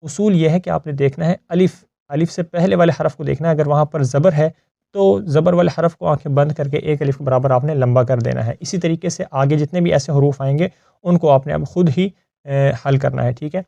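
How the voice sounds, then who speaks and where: A man teaching Quran recitation step by step. He explains each rule patiently, checks often that the listener follows, and recites the verses slowly and drawn out. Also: a little high, gravelly, warm tone, no echo, lo-fi sound.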